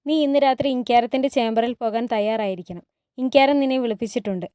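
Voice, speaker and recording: A woman voicing a calm, persuasive male palace servant who speaks in a coaxing way in a story retelling. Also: on the high side, fast, clear, resonant tone, no echo, studio quality, close to an everyday voice.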